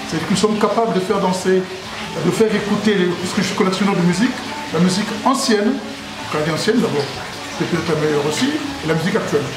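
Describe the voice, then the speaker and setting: A Congolese man in his sixties who runs a restaurant talks fast in a high-sitting voice during a casual interview held in his restaurant. He's jovial and rambles, circling back over the same points. The room is echoey and the background noise is loud.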